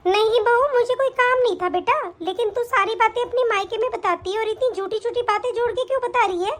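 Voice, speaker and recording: A woman plays an elderly mother-in-law in a cartoon story who scolds her daughter-in-law. She sounds reproachful, and the voice is pitched very high. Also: brisk.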